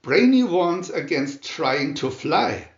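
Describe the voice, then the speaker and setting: Heard in a reverberant-sounding room through slightly muffled audio, a man narrates a children's storybook. His voice is on the high side and he goes slowly, deliberating over each phrase with lively, rising-and-falling intonation.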